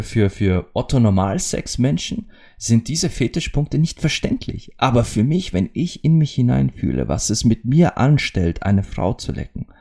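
A man talks into his podcast mic in a low register. His tone is dark and mellow, and he muses intimately, often circling back to repeat a phrase. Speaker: podcast host. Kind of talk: reflective monologue.

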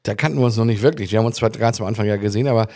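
A middle-aged man chatting casually on a podcast, telling lively stories and acting out other people in quotes. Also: lowish voice, rapid-fire. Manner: animated anecdotes, voices others in quotes. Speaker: podcast guest. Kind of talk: casual storytelling chat.

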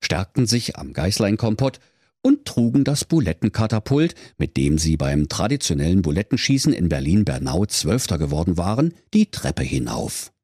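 A man's voice: deep voice, very animated, normal speed, dark tone, breathy edge, no echo, clean studio sound. A man narrating a comic fairy tale in a mock-solemn storytelling manner. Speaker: podcast host and narrator.

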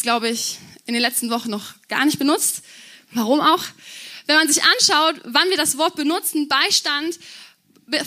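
A young woman preaches to a youth group. Her voice sits high and sounds bright and forward. She talks in a relaxed, chatty way and drops in youth slang. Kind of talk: sermon.

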